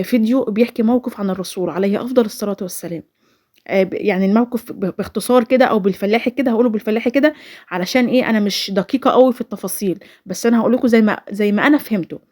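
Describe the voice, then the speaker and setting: A woman's voice: mid-range voice, dark tone. A woman in her twenties with an Egyptian Arabic accent, telling a personal story in a chatty, rambling voice-over full of restarts. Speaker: vlogger.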